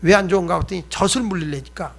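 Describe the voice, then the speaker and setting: A man's voice: sits high, fast, gravelly, soft background music. A male pastor preaching a sermon, telling humorous stories and talking directly to the congregation.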